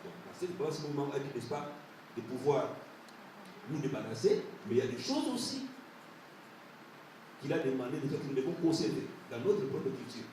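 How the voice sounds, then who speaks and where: A man from Africa making halting debate remarks at a conference, often adding tag questions as he talks. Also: medium pitch, expressive, dark tone. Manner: halting, frequent "n'est-ce pas" tags. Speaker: debate participant. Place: conference hall. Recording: echoey hall, distant mic, noisy.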